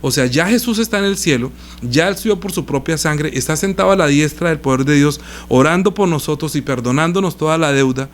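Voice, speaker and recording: A man's voice: on the high side, lively intonation, fairly quick. A male pastor preaching a sermon, reading scripture aloud and stopping to explain it with rhetorical questions.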